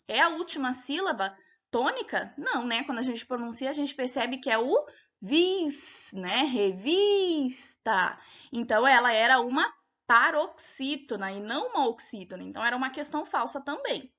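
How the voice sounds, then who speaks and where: A woman's voice: sits high, lively intonation, a little fast, sharp tone, lo-fi sound. A woman teacher with a Brazilian Portuguese accent patiently goes over a test with young pupils step by step, often checking that they follow. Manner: patient, explains step by step, asks checking questions. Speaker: primary school teacher. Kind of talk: recorded lesson going over a test.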